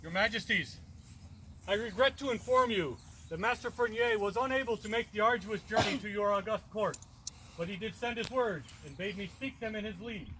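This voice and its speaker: A man's voice: sits high, normal speed, pushed and bright, a little hiss or hum, poor audio. A man reading out a flowery formal ceremonial speech in a pompous, theatrical, grandiloquent manner. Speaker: proxy reading a letter.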